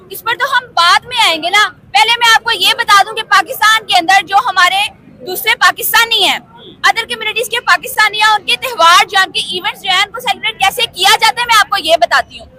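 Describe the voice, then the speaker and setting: A young Pakistani-accented woman speaks up in a street interview, insistent and lecturing as she presses her point. Her voice sits very high and sounds bright and sharp. A light murmur of people and faint traffic noise carries behind her outdoors. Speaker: interviewee, student.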